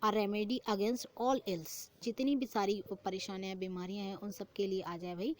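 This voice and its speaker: During an exam-prep vocabulary session, a young woman reads each English phrase slowly, explains it in Hindi, and often asks the answer back as a question. She has a steady, mid-range voice.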